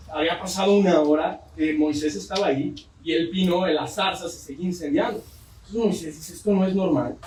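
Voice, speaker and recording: A man's voice: high voice, slight background noise. A man with a Mexican accent preaching a sermon, telling a story with joking asides. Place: church. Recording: roomy church hall from far off.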